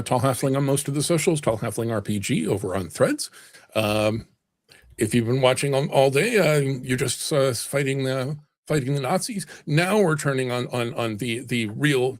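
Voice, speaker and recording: A man at an ordinary middle pitch introduces himself on a tabletop game stream. He speaks in a relaxed, halting way and often stumbles over repeated words. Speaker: tabletop player. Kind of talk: casual chat on a game stream.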